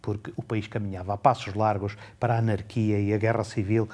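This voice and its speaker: A man giving a measured spoken book review, slowing down to read passages aloud. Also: fairly low pitch, level tone, a little mellow. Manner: measured, reads excerpts slowly and deliberately.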